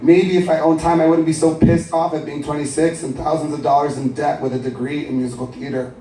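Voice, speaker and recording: A man's voice: fairly high pitch, flat delivery, fairly quick, dark tone, a little hiss or hum. A man in his twenties doing wry, self-deprecating spoken-word storytelling at a cafe open mic. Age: 20s. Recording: echoey cafe, mic at a distance.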